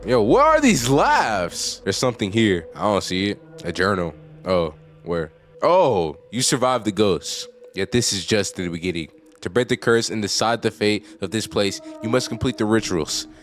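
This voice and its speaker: A man giving casual, slangy gameplay commentary, reacting out loud in an animated way. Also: fairly low pitch, normal speed, soft background music. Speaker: gaming video creator.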